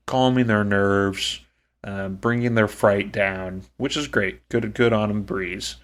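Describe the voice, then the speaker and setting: Low-voiced man casually chatting. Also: fairly even intonation, slow pace. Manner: chatty and joking, many ums. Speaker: podcast co-host. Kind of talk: casual book-recap chat.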